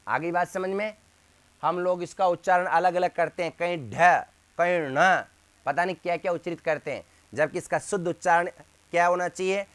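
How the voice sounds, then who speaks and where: In this classroom lesson, a man with a high-pitched, steady, fairly bright voice teaches Hindi grammar. He drills the letter sounds slowly, one at a time, and poses questions that he then answers himself.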